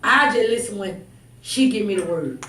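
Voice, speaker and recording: In an echoey room with a distant mic and faint noise, a woman gives an emphatic, fervent sermon, moving from conversational asides to scripture reading to raised-voice declarations. Her voice is medium-pitched, expressive, and a bit bright, at a moderate pace.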